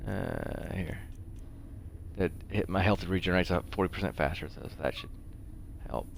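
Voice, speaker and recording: A middle-aged man with a gravelly, low-pitched voice talks at a normal speed over slight background noise. He hosts a gaming video, giving casual commentary as he plays, rambling and talking to himself.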